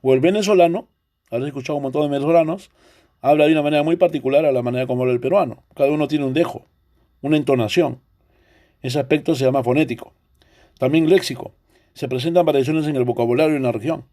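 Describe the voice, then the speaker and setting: Peruvian man teaching a mellow lesson. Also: fairly high pitch, fast talker. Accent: Peruvian Spanish. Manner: explanatory, asks rhetorical questions. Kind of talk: recorded online language lesson.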